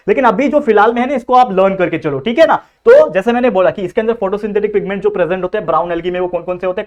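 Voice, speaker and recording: A man's voice: high-pitched, darkish tone. A young man teaching a biology lecture. He mixes English terms into his Hindi and asks questions that he answers himself. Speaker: biology tutor. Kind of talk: classroom lecture.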